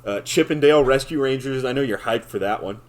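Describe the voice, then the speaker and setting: A man's voice: medium pitch, brisk. A young man co-hosting a podcast, chatting casually and laughing often as he rambles. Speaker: podcast co-host. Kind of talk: casual chat.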